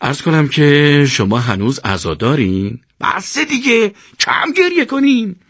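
Man playing a wry teasing soldier, husky, lively pitch. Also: dry recording, clean studio sound, full character voice.

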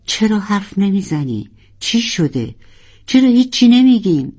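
A storyteller voicing a young narwhal who desperately shouts and pleads for its father. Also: mid-range voice, lightly acted. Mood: distraught. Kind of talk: storybook character voice.

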